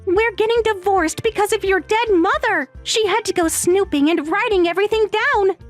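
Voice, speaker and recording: A woman voicing a shrill panicked young wife. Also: moderate pace, soft background music. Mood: bitter. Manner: shrill and pleading. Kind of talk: dramatized text story.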